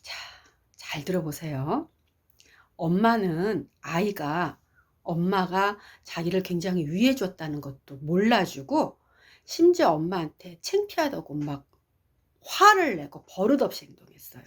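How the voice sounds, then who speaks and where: Husky-voiced woman giving an expressive parenting lecture. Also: on the low side, a little slow. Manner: expressive storytelling, asks the audience questions.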